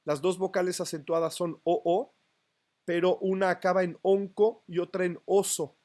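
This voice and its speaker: A man's voice: sits high, level tone, normal speed, a little mellow. A man lecturing on poetry to a class, counting syllables aloud and checking that students follow. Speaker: literature teacher. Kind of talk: university lecture.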